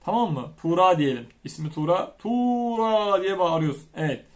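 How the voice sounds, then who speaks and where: A man teaching young children as their primary school teacher, chanting the alphabet and speaking to them directly in a lively classroom manner. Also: on the high side, brisk. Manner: animated, chants letters, addresses children directly.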